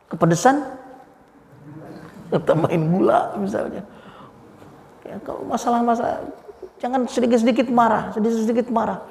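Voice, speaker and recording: A man teaches a religious lesson in a mosque, his voice pitched fairly high with a gravelly, creaky edge. He talks conversationally, punctuating his points with frequent "ya" fillers. The sound rings with the long echo of a large mosque hall. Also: a little mellow. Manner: conversational, frequent "ya" fillers, acts out quoted dialogue.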